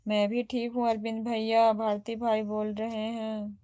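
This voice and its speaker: Slow, unhurried Awadhi woman streamer. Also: fairly high pitch, completely flat delivery, mellow, dry recording. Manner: chatty, greets and answers viewers one by one. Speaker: live streamer reading viewer comments. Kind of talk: casual livestream chat.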